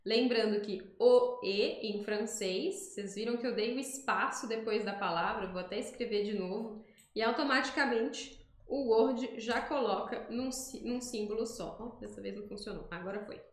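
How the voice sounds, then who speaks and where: In an online French class with on-screen demos, a teacher from Brazil walks through every sound with patience, saying words slowly so students can imitate. She speaks a little high, and noticeable echo surrounds her mic.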